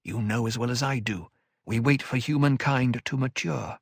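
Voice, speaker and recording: A man voicing a calm, cutting older woman mentor in an audiobook, speaking in a measured, dry way. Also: mid-range voice, vocal fry, slightly rough, no room sound. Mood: cool.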